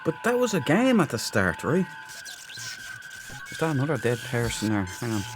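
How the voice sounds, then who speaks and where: A let's play host mutters to himself and playfully repeats phrases during a casual game playthrough. His medium-pitched voice swoops wildly at a moderate pace, and loud video game sound fills a noisy background.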